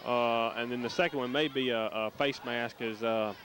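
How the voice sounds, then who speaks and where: A man giving color commentary on a high school football game, chatty and full of restarts. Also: steady tone, moderate pace, background noise. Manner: chatty analysis with many fillers and restarts.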